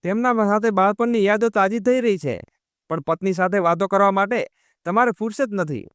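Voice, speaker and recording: A bitter, quarrelsome young wife who taunts her husband , voiced by a man reading the story. The voice is smooth and clear, pitched fairly high, and recorded dry and close. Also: moderate pace, no room sound, natural voice. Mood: taunting. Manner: scolding, taunting.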